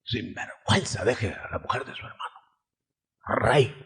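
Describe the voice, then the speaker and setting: A man voicing a fiery male prophet who shouts and scolds sinners in a sermon retelling. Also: on the low side, animated, moderate pace, gravelly, breathy edge, exaggerated voice. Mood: scolding fury.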